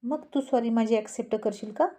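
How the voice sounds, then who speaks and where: A woman voicing a playful, coaxing young wife in a storybook reading, pleading in a soft way. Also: a little high, fairly quick, close to an everyday voice.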